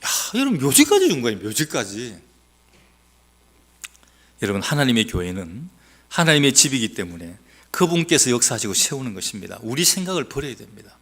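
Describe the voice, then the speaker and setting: Male pastor, Gyeongsang accent, bright lively sermon delivery, emphatic swings in pitch. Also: fast talker. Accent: Gyeongsang Korean, mixed. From South Gyeongsang, Korea. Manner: emphatic, rising to loud exhortation, then dropping low; teasing, asks the congregation questions.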